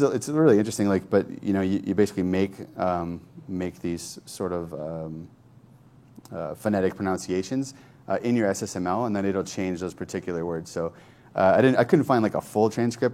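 A man casually demonstrating software on screen, thinking aloud in a loose, conversational way. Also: sits low. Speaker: software developer demoing a tool. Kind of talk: informal screen-share tech demo.

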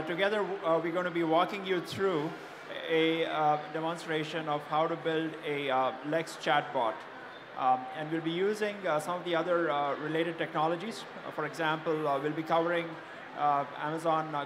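Male conference presenter, podium speech, higher-pitched voice, halting and hesitant, noisy live stage recording. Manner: halting, frequent hesitations and repeated words. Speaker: product manager presenter. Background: noise and venue ambience.

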